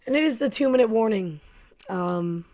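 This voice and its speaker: A woman's voice: a little high, lively intonation, moderate pace, dark tone. A woman giving play-by-play commentary on her own football video game, frustrated and self-critical. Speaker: gaming YouTuber.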